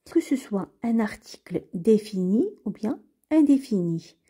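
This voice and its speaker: A woman's voice: mid-range voice, animated, measured pace, dark tone, breathy edge. A woman teaching beginners to read French, patiently repeating and spelling out each word. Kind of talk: slow reading lesson for beginners.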